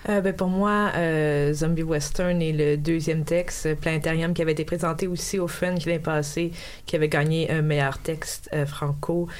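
A woman's voice: low voice, fairly even intonation, normal speed. A woman with a Quebec French accent talking casually about her work as an interview guest.

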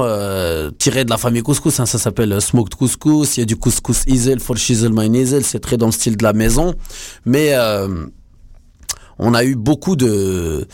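A man's voice: mid-range voice, darkish tone, no echo, studio quality. A man hosting a radio show in loose, slangy, rambling chat, hiccuping now and then. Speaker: radio host.

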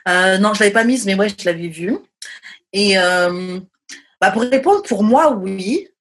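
A young woman from France chats casually in a husky, mid-pitched voice. She hesitates a lot, restarting phrases and trailing off softly. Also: unhurried. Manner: hesitant, many fillers and restarts, trailing off quietly. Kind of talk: casual chat.

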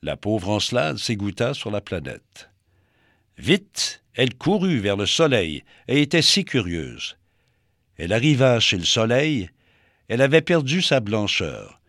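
A man reading a children's story aloud in a gentle, expressive storybook manner. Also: lowish voice, measured pace, no echo, studio quality.

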